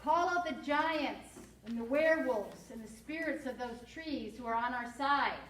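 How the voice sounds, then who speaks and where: A woman's voice: sits high, moderate pace, a bit bright, a little hiss or hum. A woman teacher reading aloud the orders of a desperate, scheming female witch from a storybook. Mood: commanding. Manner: commanding, read aloud from a book. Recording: roomy classroom from far off.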